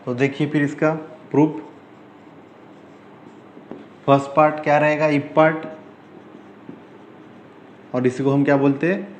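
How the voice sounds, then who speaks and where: Indian male math teacher, questioning and repetitive, slow dictation, echoey room. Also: on the high side, flat delivery. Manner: repetitive, asks the class questions, slow dictation of English terms. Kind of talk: whiteboard math lecture. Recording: echoey room, faint ambient noise.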